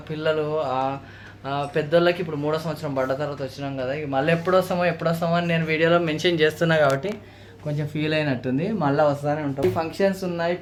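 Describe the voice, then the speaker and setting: Vlogging man, coaxing and soft, slightly raised voice, light background noise. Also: a little high. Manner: coaxing, gently consoling. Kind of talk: casual family vlog chat.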